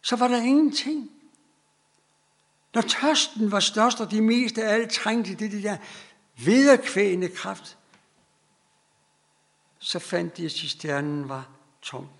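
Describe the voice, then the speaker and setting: A man's voice: high-pitched, gravelly, pauses often, fairly bright tone. A middle-aged man preaching an earnest sermon, stretching out key phrases for emphasis.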